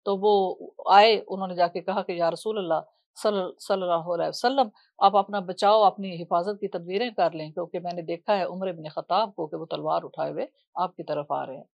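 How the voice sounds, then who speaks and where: A woman telling a religious story off the cuff in a reverent way, pausing often with fillers. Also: fairly low pitch, creaky, darkish tone, no echo, lo-fi sound. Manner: reverent, with frequent hesitation fillers.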